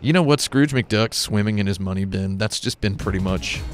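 Male game streamer, lowish voice, casual commentary, rambling, slangy, hyperbolic, game music behind. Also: moderate pace. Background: game music and dialogue.

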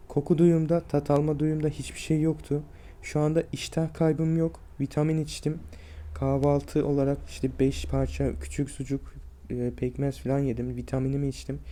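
A man in his twenties, sick and drained, talking to viewers in a weak, strained voice with halting, effortful delivery. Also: a little high, warm tone. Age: 20s. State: sick and drained with fever and aches. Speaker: vlogger. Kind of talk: personal health vlog, speaking to viewers.

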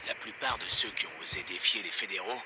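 A defiant pirate radio broadcaster. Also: male voice, sits low, a little fast, over music. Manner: preachy, defiant. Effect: pirate radio broadcast over the air. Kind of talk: scripted radio monologue. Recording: noisy radio transmission with static.

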